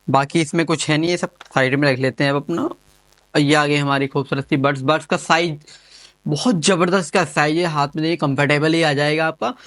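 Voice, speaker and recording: A man does a casual, chatty gadget unboxing, talking informally and enthusiastically and looping back over his own phrases. His voice is a little high and a bit bright. The sound is fairly dry, with no room sound.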